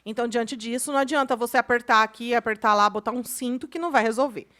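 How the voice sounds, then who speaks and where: A woman from Brazil co-hosting a podcast in casual chat, emphatic and opinionated, quick to push back. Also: on the high side, fairly even intonation, a bit bright. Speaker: podcast co-host.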